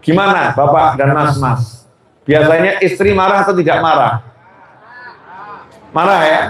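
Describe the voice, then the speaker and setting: A man's voice: on the high side, unhurried, fairly bright tone. A man with a Javanese accent giving a jokey sermon, teasing his congregation with questions. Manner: jokey, keeps asking the audience questions. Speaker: preacher. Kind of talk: humorous sermon to a live congregation. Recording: very echoey hall.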